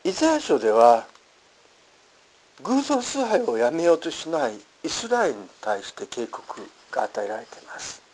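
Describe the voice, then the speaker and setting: Male pastor, earnest emphatic sermon delivery, animated intonation. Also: moderate pace, a little hiss or hum, rough recording. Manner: earnest, emphatic preaching with lively pitch swings.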